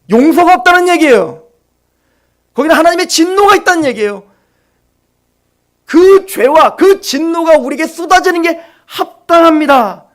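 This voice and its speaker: A male pastor preaching an impassioned sermon, firing rhetorical questions at the congregation and dropping to quiet asides. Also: very high voice.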